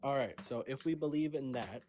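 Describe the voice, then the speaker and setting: A man's voice: medium pitch, moderate pace, mellow. Young man, nineteen, caller, hesitant, repetitive. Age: young adult. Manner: hesitant, repeats himself.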